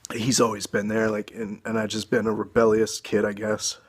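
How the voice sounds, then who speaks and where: Young man, earnest testimony, low flat delivery, husky, phone-recorded. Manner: earnest, halting and emotional. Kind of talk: emotional personal testimony. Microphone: phone camera.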